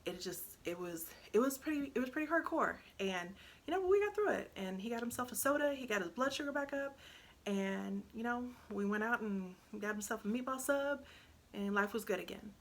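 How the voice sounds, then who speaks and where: A woman, casually sharing parenting advice, earnest and animated when retelling. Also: fairly high pitch, brisk. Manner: earnest, animated when retelling, drops to a hush when describing the panic. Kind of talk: casual talk to camera.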